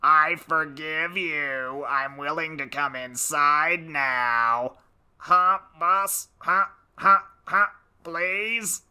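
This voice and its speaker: A man's voice: fairly high pitch, pushed and bright, smooth, exaggerated voice. A man voicing a sulky, wheedling male pet parrot on a storybook record. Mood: pleading. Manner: whiny, pleading, slow and drawn out.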